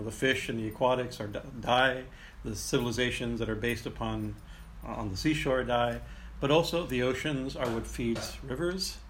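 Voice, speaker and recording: A man teaching and telling ancient myths informally, in a halting way that circles back over phrases and often checks in with "right?". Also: mid-range voice. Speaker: teacher and storyteller. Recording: clearly noisy ambient background.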